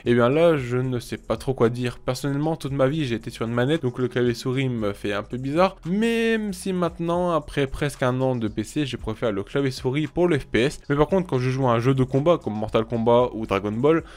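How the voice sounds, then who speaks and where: A man's voice: medium pitch, brisk, hardly any pauses, darkish tone. A young man hosting a gaming video, reading a scripted comparison in a casual tone and speaking straight to his viewers. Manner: casual, addresses viewers directly.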